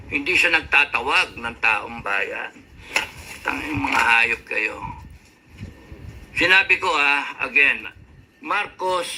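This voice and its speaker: A man giving heated political commentary, ranting angrily and cursing, mixing Tagalog with English. He swings between loud outbursts and low, controlled lecturing. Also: slight background noise, poor audio.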